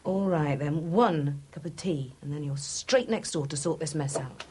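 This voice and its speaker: An actress playing a practical, plain-spoken, fondly teasing woman in a naturalistic TV soap, with a husky voice. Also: low-pitched, moderate pace, darkish tone, slight background noise, close to an everyday voice. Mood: gossipy, teasing. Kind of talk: naturalistic TV soap drama acting.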